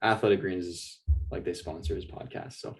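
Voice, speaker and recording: A young man co-hosting a casual sports podcast, with a fairly low voice. He talks in an animated, joking way and slips into mock outrage. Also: a little fast, creaky. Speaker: podcast co-host. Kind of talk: casual chat. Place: in Ireland.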